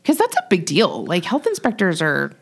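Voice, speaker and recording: A woman's voice: fairly low pitch, wildly swooping pitch, moderate pace, slightly rough. A woman chatting casually as a pastry chef guest, talking freely with plenty of swearing and laughter. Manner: chatty, profane, laughs often. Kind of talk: casual podcast chat.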